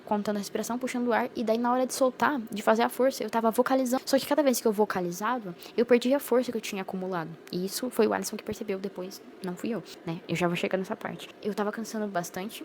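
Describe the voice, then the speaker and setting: Rapid-fire chatty young woman vlogger. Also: fairly high pitch, a little hiss or hum. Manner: chatty, rapid, full of fillers and slang. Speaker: vlogger sharing her birth story. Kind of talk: casual personal storytelling to camera.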